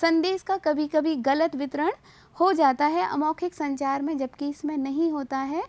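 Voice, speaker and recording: A woman's voice: high voice, fairly even intonation, unhurried, a little mellow. A woman teacher gives a classroom lecture. She explains step by step, mixes in English terms and restarts her sentences as she goes.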